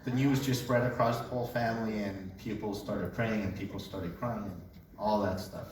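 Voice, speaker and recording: Young man from Colombia, relaxed joking testimony, lowish voice, very echoey room, away from mic. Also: moderate pace, distant mic, a little hiss or hum. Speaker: speaker giving a testimony. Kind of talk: casual personal testimony.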